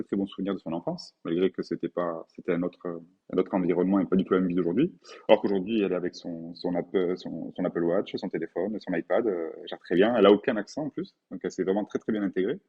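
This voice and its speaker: A man's voice: deep voice, very fast, breathy edge, dull audio. A man in his forties from France, talking earnestly as a podcast guest and repeating words for emphasis. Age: 40s. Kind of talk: conversational interview.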